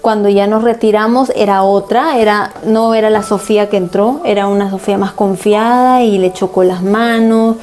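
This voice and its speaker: A woman pastor delivers a sermon as a personal testimony, recounting events earnestly and in storytelling fashion. Her voice is mellow and warm, sitting at a middle pitch, with soft music playing faintly behind her. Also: steady tone, normal speed, few pauses.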